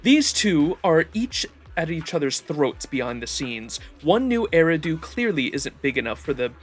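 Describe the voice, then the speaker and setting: A man voicing a worldly, cynical video game collector in a measured, formal, knowing manner. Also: a little high, very animated, faint music behind. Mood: wary, knowing. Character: worldly, cynical collector wary of high society. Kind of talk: reading story-game dialogue aloud.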